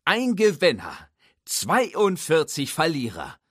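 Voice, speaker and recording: A man's voice: on the high side, wildly swooping pitch, takes it slowly, fairly bright tone, breathy edge, dry recording, studio quality, voice pushed up, heavily acted. Lightning McQueen: a man voicing a cocky young race car. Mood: excited. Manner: cocky, self-psyching.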